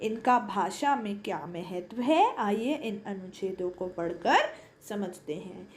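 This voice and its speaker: A woman teaching a Hindi class to children, explaining slowly and repeating points, asking questions and answering them herself. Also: medium pitch, animated, a little mellow, roomy sound. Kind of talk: online class lesson for children.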